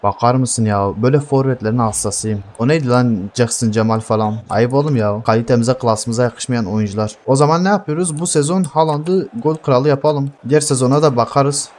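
A young man giving heated live gameplay commentary, swearing constantly and yelling at his teammates. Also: mid-range voice, fairly quick, few pauses. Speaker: gaming streamer.

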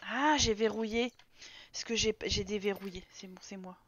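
A woman streamer giving casual let's-play commentary, chatty and quick to scold her game characters. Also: mid-range voice, steady tone, dull audio.

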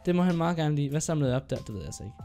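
A young man with a sore throat and an occasional cough, giving chatty, excitable gameplay commentary as he narrates his own moves. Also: fairly high pitch, soft background music. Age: young adult. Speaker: gaming YouTuber.

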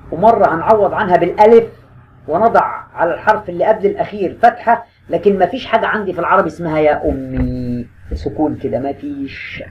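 A man with an Egyptian Arabic accent teaching a high school grammar lesson online, slowing down to stretch key words and talking straight to his students in a teasing, coaxing way. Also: lo-fi sound, a little hiss or hum.

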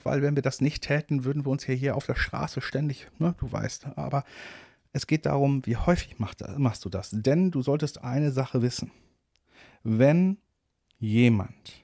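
A man's voice: mid-range voice, darkish tone, no echo, studio quality. A middle-aged man hosting a casual coaching podcast, talking bluntly and directly to the listener.

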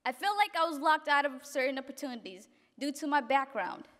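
A young woman from Africa reading a graduation speech at a podium in an event hall, earnest and halting at times. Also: sits high, expressive, fairly bright tone. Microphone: podium microphone. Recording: reverberant hall.

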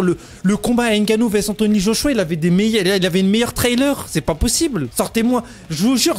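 A young man in his twenties, an anime YouTuber, delivering an exasperated, slang-heavy rant in a video review. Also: sits high. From France. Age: 20s. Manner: indignant, exasperated ranting with heavy slang and swearing.

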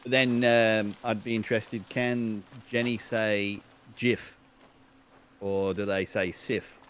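A man's voice: on the low side, level tone, a little slow, slight background noise. A man chatting casually on a hunting game stream, talking in a tentative, thinking-aloud way. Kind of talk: casual gaming chat.

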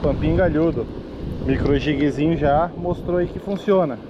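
A man fishing from a small boat at sea, narrating casually and calling out each catch with excitement. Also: on the high side, normal speed, muffled recording. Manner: excited, calls out catches to viewers. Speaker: angler narrating his fishing. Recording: loud wind and boat noise outdoors.

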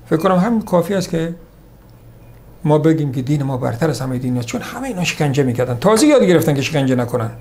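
A man giving a religious lesson on hadith, reciting Arabic quotations slowly, then explaining them in a conversational lecturing way. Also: a little high, big pitch swings, darkish tone. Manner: conversational lecturing, repeats points. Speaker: religious teacher. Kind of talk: sermon on hadith.

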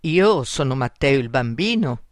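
Storybook: woman playing a small scared boy, polite, high little voice; dry. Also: sing-song, a little slow, dry recording, exaggerated voice.

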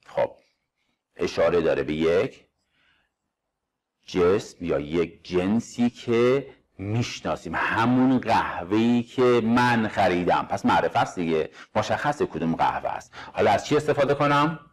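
A man with a Persian accent teaching English grammar, reading example sentences slowly and quizzing his students. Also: on the low side, lively intonation. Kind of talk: grammar lesson walkthrough.

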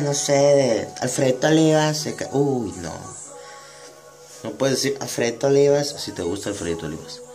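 A man with a Mexican Spanish accent talks in a loose, rambling monologue, heavy with street slang and wry jokes. His pitch sits in an ordinary middle range. Faint music plays behind him. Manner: slangy, joking, rambling asides. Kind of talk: casual monologue.

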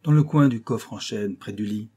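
A man's voice: fairly low pitch, normal speed, warm tone, husky. A man voicing a frightened old man in an audiobook, pleading and giving in. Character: terrified old man, the narrator's uncle.

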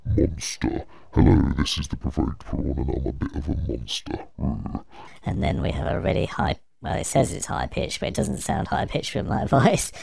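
A man's voice: big pitch swings, moderate pace, creaky, darkish tone, breathy edge, no echo. Man's voice through a morphing voice changer. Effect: voice changer shifting his voice between a high cartoon tone and a low monster tone. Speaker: tech reviewer. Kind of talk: casual tutorial demonstration.

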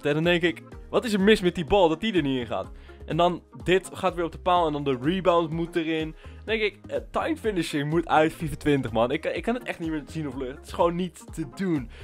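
A chatty man with a slightly raised pitch gives loose, rambling commentary over his gameplay. He rants freely and fills his pauses with "eh". Faint music plays behind him. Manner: chatty, ranting, many fillers. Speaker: gaming YouTuber.

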